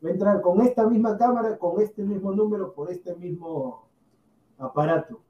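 Guy rambling about football, high voice, dull roomy sound from far off mic. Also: moderate pace, a crowd in the background. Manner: joking, rambling, animated bursts. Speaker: podcast co-host. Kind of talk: casual sports banter. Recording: distant, dull and echoey room mic.

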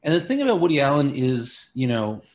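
A man's voice: medium pitch, big pitch swings, a little fast. A man talking casually and wryly in an interview, rambling with lots of filler words. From Queens, New York City. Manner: rambling, wry, peppered with like and you know. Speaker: stand-up comedian guest.

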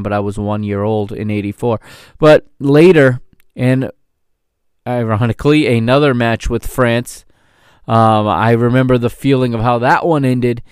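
A man in his thirties hosts a podcast, looking back on an old football match in loose, casual commentary. His medium-pitched voice is a little mellow, clear, and resonant, captured in studio quality with no echo.

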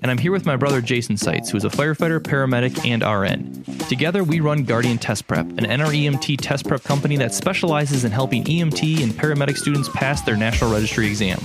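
A man's voice: mid-range voice, animated, quick pace, over music. A man who is an emergency physician hosting a casual medical podcast, upbeat and jokey.

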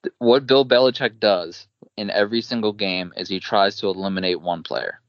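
A man's voice: lowish voice, moderate pace, dry recording. A man with a New Jersey accent, a podcast guest giving confident, talkative football betting opinions. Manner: confident, talkative, many fillers. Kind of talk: casual sports betting chat. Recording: dull lo-fi dry sound.

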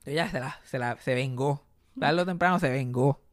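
A man's voice: mid-range voice, moderate pace, dry recording, studio quality. A young Puerto Rican man with a Puerto Rican Spanish accent, a comedian co-hosting a casual podcast, telling stories animatedly and mixing English words into his Spanish. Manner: animated storyteller, mixes English words into Spanish, acts out quoted voices.

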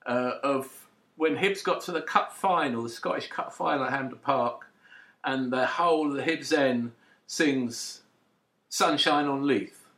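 A man's voice: medium pitch, a little slow. A man hosting a casual football podcast, reading out listener emails and breaking into terrace chants. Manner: animated, bursts into football chants. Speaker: podcast host.

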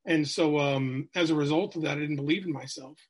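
This husky, fairly high-pitched male voice belongs to a middle-aged sales coach from New Hampshire, USA. Appearing as a podcast guest, he briskly recounts his life, speaking openly and wandering off track with plenty of fillers.

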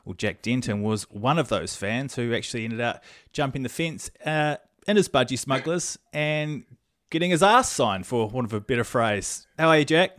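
Male host, medium pitch, informal presenting, dry recording. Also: moderate pace, a bit bright, no echo. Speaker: podcast host. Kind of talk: casual presenting.

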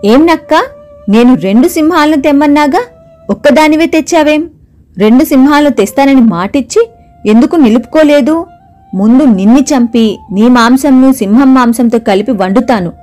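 A woman voicing a clever, scheming female wolf mother who shouts loudly and shrilly. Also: expressive, moderate pace, soft background music. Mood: threatening. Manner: loud, shrill scolding.

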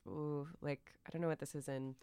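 Low-voiced American woman in her thirties. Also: flat delivery, a little fast, mellow, smooth, no room sound, studio quality. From United States. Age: 30s. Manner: rambling, self-deprecating, laughs often. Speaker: podcast guest. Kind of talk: casual podcast chat.

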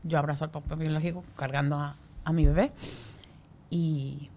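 A woman's voice: deep voice, fairly even intonation, a little mellow, slight background noise. Emotional woman telling a personal story. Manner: halting, emotional, drops to near-whisper at tender moments. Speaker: guest sharing her adoption story.

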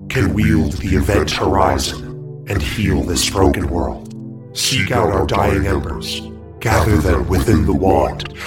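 A man voicing an ancient spirit inside a magic wand, speaking slowly and commandingly. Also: heavily acted. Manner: slow, booming, commanding. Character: ancient hungry wand spirit, vast and solemn. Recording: music playing under the voice.

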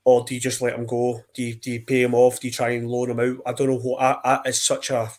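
A man speaks in a flat, even mid-range voice on a football podcast. He sounds exasperated, piling up rhetorical questions as he talks. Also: mid-range voice, fast. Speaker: podcast co-host. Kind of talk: casual football podcast chat.

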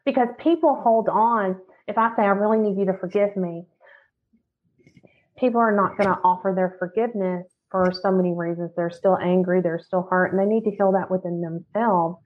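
A woman's voice: mid-range voice, moderate pace. A woman speaks earnestly about forgiveness and letting go, candid and unguarded, dropping the odd swear. Her voice comes through thin and phone-like, as if over a call. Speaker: podcast guest, forgiveness teacher. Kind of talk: casual podcast chat. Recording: tinny phone-like audio.

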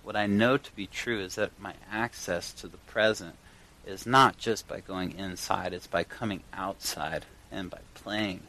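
A man speaking earnestly and enthusiastically to listeners in a personal monologue, with deliberate phrasing, recorded in a garage as a podcast host. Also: low-pitched, bright, forceful tone, poor audio. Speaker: podcast host and yoga teacher. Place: in a garage, recording at a home studio setup.

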